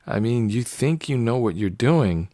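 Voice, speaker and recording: A puzzle channel host in his late forties chats casually on his own while solving a jigsaw puzzle, relaxed and rambling, full of fillers and tangents. His mid-range voice moves a little slowly, and the studio sound is clean with no room echo.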